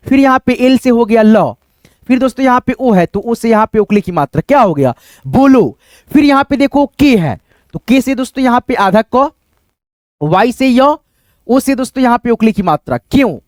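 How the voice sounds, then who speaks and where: A man's voice: very high voice, a little mellow, dry recording, clean studio sound. A man teaching a spelling lesson to camera, spelling words out letter by letter and calling his viewers friends in almost every sentence. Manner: repeats "dosto" constantly, spells out words letter by letter. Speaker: English teacher.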